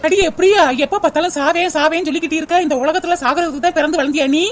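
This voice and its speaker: A woman's voice: extremely high pitch, steady tone, soft background music. A woman voicing a kind young village woman in a cartoon, consoling and sympathetic, with a southern Tamil accent. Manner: sympathetic, consoling, fast talker. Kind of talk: dubbed cartoon comedy.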